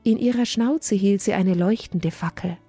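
Mellow, husky woman reading a story. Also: medium pitch, normal speed, faint music behind. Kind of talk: children's story narration.

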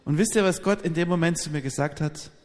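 A man interprets a live talk in quick bursts, phrase by phrase, and now and then he stalls on a hesitant filler. His voice is slightly high for a man. A long hall reverb trails every word.

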